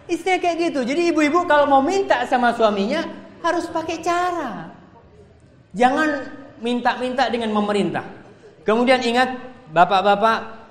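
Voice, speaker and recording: Man, animated sermon, loud and soft swings, echoey hall, long reverb. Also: high voice. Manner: animated, swings between loud exclamations and soft asides, mimics a pleading wife. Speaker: preacher.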